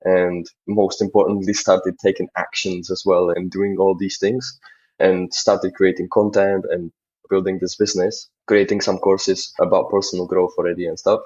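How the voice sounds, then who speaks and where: Husky young Czech man, lo-fi. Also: low voice, level tone, normal speed, darkish tone. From Czech Republic. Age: 20s. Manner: earnest, rambling with restarts. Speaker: podcast guest. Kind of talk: casual interview talk.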